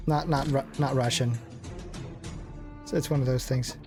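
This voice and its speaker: A young man runs a gaming channel and gives casual, meandering commentary on a strategy game, full of jokes and self-deprecating asides. He talks at a moderate pace with a steady tone and medium pitch. Game music can be heard in the background.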